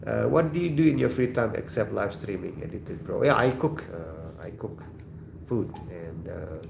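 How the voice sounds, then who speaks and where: A man's voice: fairly low pitch, animated, normal speed, vocal fry, darkish tone, reverberant, slight background noise. A man from Indonesia hosting a casual livestream, reading viewer comments in a laid-back way and laughing often. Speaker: livestream host.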